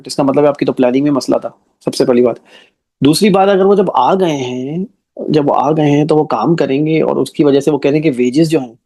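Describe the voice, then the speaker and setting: A man's voice: a little high, mellow. A man giving an explanatory commentary monologue, arguing his point with rhetorical questions and frequent check-ins to the listener.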